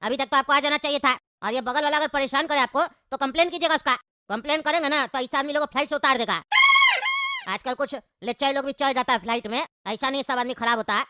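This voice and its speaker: A woman's voice: sits high, pushed and bright. A woman voicing a worried grown son in a cartoon, advising his sick father over the phone. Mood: fussing. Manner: fussing, advising, quick. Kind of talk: cartoon voice acting.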